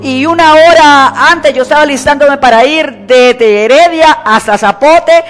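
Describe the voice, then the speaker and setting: A woman's voice: high-pitched, measured pace. A woman preacher, delivering an emphatic sermon and repeating key words for stress. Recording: echoey church hall with faint music.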